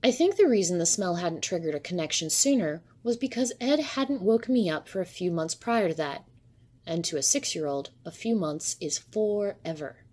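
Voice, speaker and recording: Low-voiced woman narrating a creepy story. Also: darkish tone. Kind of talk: first-person horror story narration.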